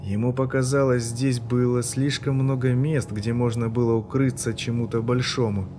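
A man narrating a science fiction audiobook in a steady, even reading voice. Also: medium pitch, normal speed, over music. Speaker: audiobook reader. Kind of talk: scripted narration.

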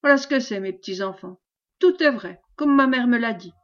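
A woman's voice: on the high side, animated, fairly quick, dull audio, close to an everyday voice. Woman reading as an earnest village storyteller. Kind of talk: audiobook character reading.

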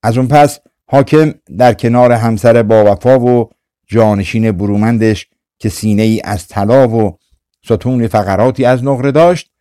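Mellow-voiced man narrating a folktale. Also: medium pitch, clean tone, no echo, studio quality. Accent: Persian. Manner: calm, measured folktale reading. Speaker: audiobook narrator. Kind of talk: scripted storytelling narration.

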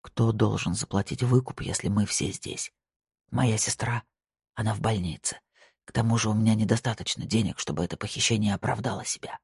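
A narrator voicing a retired older male judge who mutters low and wearily and dodges the questions, with a husky tone. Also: steady tone, fairly quick, a little mellow, dry recording, studio quality, full character voice. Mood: weary.

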